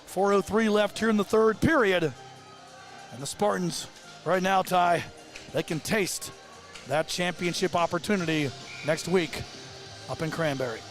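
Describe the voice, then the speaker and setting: Male hockey announcer, high voice, rapid excitable play-by-play, music in the background. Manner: excitable on big plays. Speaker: play-by-play commentator. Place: live at an ice rink.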